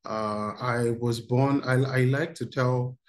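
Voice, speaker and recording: A man's voice: medium pitch, steady tone, slow pace, a little hiss or hum. A man, running an interactive online workshop for teens over a video call. He talks in an upbeat way and reads out replies from the chat. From Nigeria. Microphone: video call webcam.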